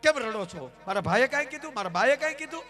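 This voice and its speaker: Folk tale: man playing an anxious young brother-in-law, pleading, high and urgent. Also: big pitch swings, quick pace, over music. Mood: worried. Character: young village brother-in-law, eager and worried.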